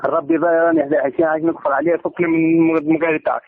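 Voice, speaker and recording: High-pitched, rapid-fire Algerian man arguing by phone. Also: sing-song, creaky, dry recording. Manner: exasperated, insistent, combative. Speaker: caller demanding repayment of a debt. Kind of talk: heated argument over the phone. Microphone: telephone. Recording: tinny, band-limited phone line.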